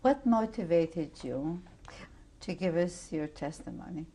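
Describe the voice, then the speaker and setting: Mellow-voiced woman interviewer, off-mic. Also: lowish voice, expressive, unhurried, rough recording. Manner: brief, gentle questions.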